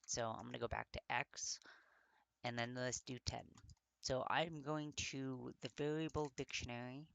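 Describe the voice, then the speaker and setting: A man's voice: medium pitch, fairly even intonation, normal speed, vocal fry, fairly bright tone, no room sound. A man giving a casual coding walkthrough, thinking aloud with many fillers and often getting tongue-tied and correcting himself. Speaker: coding tutor.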